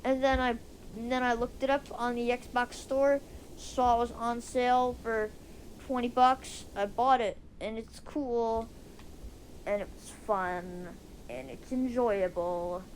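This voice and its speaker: A woman with a squeaky voice giving casual, rambling gameplay commentary, often going off on tangents and restarting her sentences. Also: fairly even intonation, slow, slight background noise, rough recording. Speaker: gaming video creator. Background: faint music and controller clicks.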